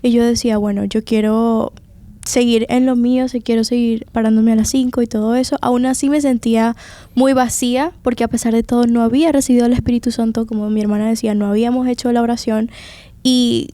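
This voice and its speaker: Mellow Venezuelan young woman. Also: on the high side, flat delivery, a little fast. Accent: Venezuelan Spanish. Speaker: guest giving testimony. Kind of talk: personal faith testimony.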